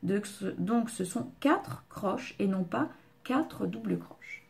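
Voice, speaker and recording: A woman teaching a beginners' music rhythm lesson, explaining patiently and chanting rhythm syllables slowly and loudly. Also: mid-range voice, animated, creaky, slight background noise.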